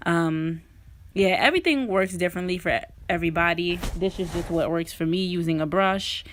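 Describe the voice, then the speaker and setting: A woman's voice: on the low side, normal speed, a little hiss or hum. A woman talking informally and directly to viewers in a casual, chatty makeup tutorial voice-over. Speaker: beauty vlogger.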